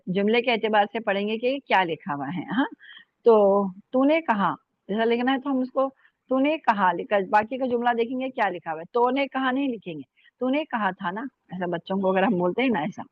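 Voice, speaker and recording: A woman's voice: a little high, no echo, muffled recording. A woman teaching an online Urdu lesson, patiently spelling out letters and syllables and checking in often with her students. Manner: patient, repeats "ठीक है" and "है ना" often.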